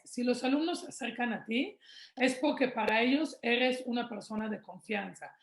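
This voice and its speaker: A woman's voice: on the high side, creaky, echoey room. Woman telling parenting stories. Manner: warm storytelling, acts out quoted dialogue. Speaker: parenting speaker. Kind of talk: webinar talk answering questions.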